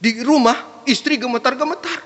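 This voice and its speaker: A man preaching a sermon as pastor, animated, acting out other preachers and swinging between loud and hushed delivery. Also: very high-pitched, moderate pace, muffled recording. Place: church. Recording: echoey church hall.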